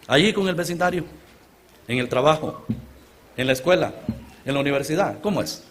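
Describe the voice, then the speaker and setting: A Honduran man preaching at a church conference, in an earnest storytelling sermon. He calls his listeners brothers, rises to loud exclamations and then drops to quiet, low asides. His Honduran Spanish accent is plain throughout. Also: lively intonation, brisk, slight background noise. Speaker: guest preacher. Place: church conference gathering before a large congregation.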